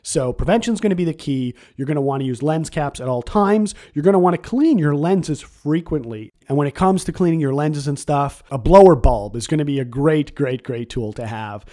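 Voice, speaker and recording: A man's voice: fairly high pitch, normal speed, hardly any pauses, mellow. A man hosting a podcast, talking casually and emphatically with a nasal, slightly scratchy voice from a cold. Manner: chatty and emphatic. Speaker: podcast host.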